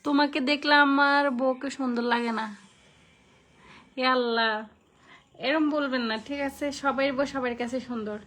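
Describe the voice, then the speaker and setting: High-voiced woman with a Noakhali accent. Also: steady tone, normal speed, pauses often, fairly bright tone. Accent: Noakhali Bengali. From Noakhali, Bangladesh. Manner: chatty, thanks viewers by name. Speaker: live stream host. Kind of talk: casual live stream chat reading comments.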